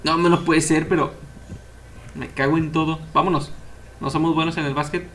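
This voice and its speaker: A young man giving casual, excitable let's-play commentary as he plays, cheering on the characters. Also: on the high side, normal speed, slight background noise. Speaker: gameplay commentator.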